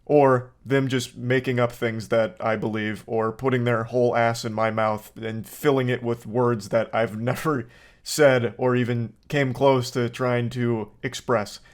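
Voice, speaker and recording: A man's voice: mid-range voice, flat delivery, a little slow. Man, late twenties, YouTuber, blunt and emphatic commentary with casual swearing. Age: 20s. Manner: candid, profane and emphatic.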